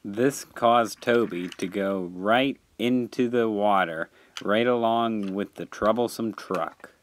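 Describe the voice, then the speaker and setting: A man narrating a homemade storybook tale in a plain, measured reading. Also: on the low side, a little hiss or hum.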